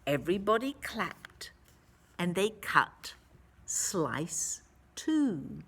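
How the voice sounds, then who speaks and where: A woman reading a picture book aloud to children, expressively, with dramatic emphasis and drawn-out words. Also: lowish voice, very animated, vocal fry, fairly bright tone, husky.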